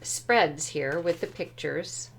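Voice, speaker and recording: A woman's voice: low voice, slow pace, gravelly, a little hiss or hum. A woman walking through a tarot deck and its book at home, speaking carefully and tentatively, often unsure how a word translates. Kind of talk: unhurried show-and-tell walkthrough.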